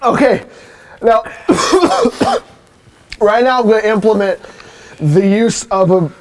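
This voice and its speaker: A man's voice: high-pitched, normal speed, noisy background. A young man hosting a casual hot sauce challenge interview, coughing and gasping as he eats spicy food. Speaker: host.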